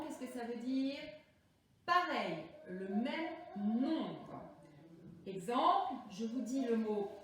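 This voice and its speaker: A woman teaching young primary pupils a remote lesson, speaking slowly and deliberately and stretching out words for the children. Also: sits high, a little hiss or hum. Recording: echoey room, voice from a distance.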